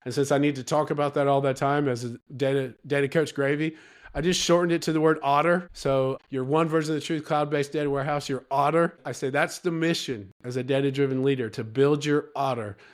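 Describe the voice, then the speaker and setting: A man speaks in a soft Southern Alabama accent with a drawl, at a middling pitch. He is getting over a slight cold. His delivery is that of a coach explaining in an interview, emphatic and encouraging, with key phrases repeated. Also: fairly even intonation, a little fast. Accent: Southern Alabama, United States. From Alabama, United States. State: recovering from a cold. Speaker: data coach and interview guest.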